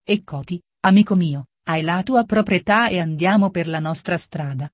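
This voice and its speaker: A woman voicing a calm, stubborn gentleman in a storybook reading, with a steady manner. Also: fairly low pitch, moderate pace, no echo, studio quality, close to an everyday voice. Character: calm, stubborn gentleman highwayman, adult man.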